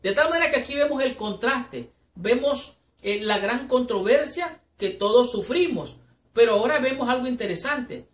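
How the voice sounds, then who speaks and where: Woman, Bible lesson teacher, slightly high voice, earnest and unhurried, echoey room. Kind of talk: Sabbath school Bible lesson.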